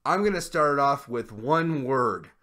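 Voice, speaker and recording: A man's voice: mid-range voice, unhurried. A tipsy man in his thirties giving a casual comedic movie review, ranting and swearing freely. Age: 30s. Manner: foul-mouthed, animated ranting. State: tipsy from drinking. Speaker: film reviewer and co-host. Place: small room indoors. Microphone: desk microphone.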